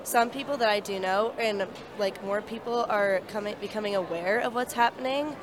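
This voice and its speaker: A young woman from California answers an interviewer earnestly, stringing her thoughts into long sentences. Clear outdoor noise is heard behind her voice. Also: mid-range voice, normal speed.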